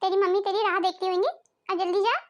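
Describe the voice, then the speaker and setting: Cartoon: woman playing a patient, wise mother-in-law, very high voice. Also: steady tone, fast talker, lo-fi sound. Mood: kindly. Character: fair-minded older mother-in-law, gentle and wise.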